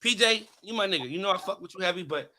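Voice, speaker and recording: A man in casual group banter, talking in an animated, profane way and repeating phrases for emphasis as he hosts. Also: high voice, fast talker, no room sound. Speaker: host judging a hair wave competition.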